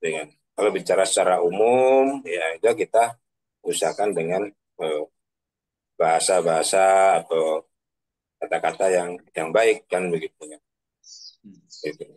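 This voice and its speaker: An Islamic preacher delivers a casual religious talk online, his low, slightly mellow voice unhurried and broken by long pauses over a rough recording. Chatty and slangy, he tags sentences with "kan begitu" and laughs at his own examples.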